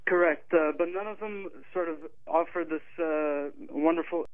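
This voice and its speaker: A man's voice: fairly high pitch, moderate pace, dry recording. Man from Morocco on a tinny phone line. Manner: articulate, hesitant fillers. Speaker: author and Arabic teacher, phone guest. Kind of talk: radio interview over the phone. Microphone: telephone.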